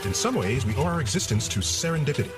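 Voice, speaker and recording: A man hosting and narrating a nature documentary in a measured, scripted style, posing rhetorical questions. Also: medium pitch, big pitch swings, loud music behind the voice.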